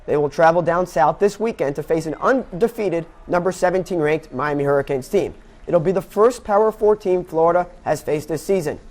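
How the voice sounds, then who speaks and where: A young sports anchor and play-by-play announcer reads a scripted newscast that also covers baseball commentary. His voice is a little high and a little mellow, and he moves at a fairly quick clip in a polished broadcast style.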